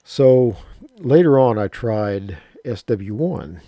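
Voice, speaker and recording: A Southern Illinois man in his fifties tells a rambling, folksy story about his early radio hobby, a casual spoken reminiscence with mild cursing and frequent restarts. His voice is lowish, expressive and slow, captured in a dry, lo-fi recording.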